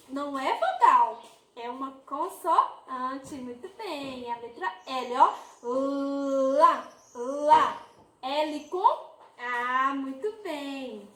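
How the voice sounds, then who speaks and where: A woman's voice: sits high, fairly bright tone. A woman teacher giving a phonics lesson, stretching out syllables in a sing-song, coaxing way for young pupils. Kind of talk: early-years phonics lesson. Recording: roomy echo.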